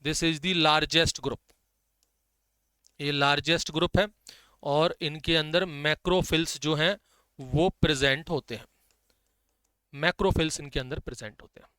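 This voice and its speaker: Guy teaching biology, high bright voice, says the key terms super slow so you can write them down. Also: steady tone, clean tone, dry recording. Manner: repeats key terms slowly for dictation, chatty asides. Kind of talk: Hindi-English exam-prep lecture, dictating notes.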